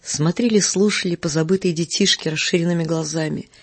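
A narrator reading a story in a measured audiobook style. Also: mid-range voice, fairly even intonation, slightly rough, dry recording.

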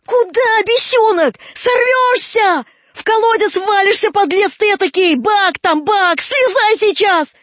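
A woman voicing a gruff one-eyed old male waterworks keeper in a storybook reading, hoarse and scolding. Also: extremely high pitch, measured pace, hardly any pauses, no echo, voice pushed up. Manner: shouting and scolding.

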